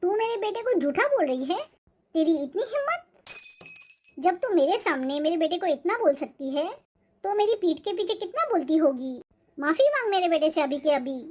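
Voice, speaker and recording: A woman's voice: very high-pitched, sing-song, normal speed. A woman voicing a strict, controlling middle-aged mother-in-law who scolds sharply, for a cartoon. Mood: scolding. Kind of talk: cartoon voice acting.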